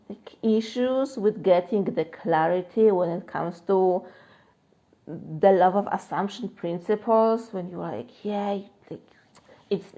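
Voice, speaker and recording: With a mid-range voice and a dark tone, this Polish-accented woman, a life coach, answers questions in a live-stream chat. She talks loosely, chatty and filler-heavy, with frequent laughs. Her phone mic leaves the highs cut off.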